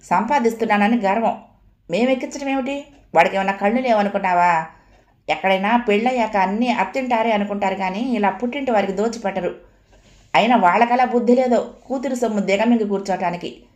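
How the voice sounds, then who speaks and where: Woman reading as a scolding older mother-in-law, taunting, scornful, drawn-out, audiobook story, mid-pitched voice. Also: a little mellow, lightly acted.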